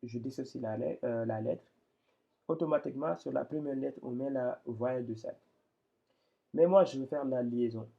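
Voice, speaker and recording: Patient man teaching, gravelly voice. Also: medium pitch, moderate pace, warm tone, muffled recording. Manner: patient, repeats and restarts often. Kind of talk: explaining Arabic reading step by step.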